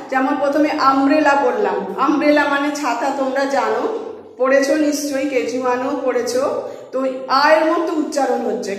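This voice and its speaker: A woman teacher giving a patient classroom lesson, spelling words letter by letter and explaining each one. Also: high-pitched. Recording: echoey room with long reverb.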